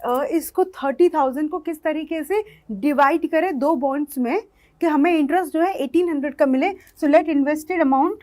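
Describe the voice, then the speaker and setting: A woman teacher walks her students through a maths problem step by step, stopping often to check they are following. Her voice sits high and light. She sounds patient and easy. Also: normal speed, mellow. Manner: explains step by step, asks the class questions. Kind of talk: online maths lesson.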